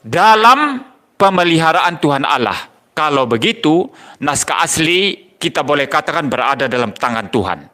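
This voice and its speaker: A man's voice: a little high, big pitch swings, normal speed, pushed and bright. An older man, a pastor preaching a sermon, telling personal stories and repeating key phrases for emphasis.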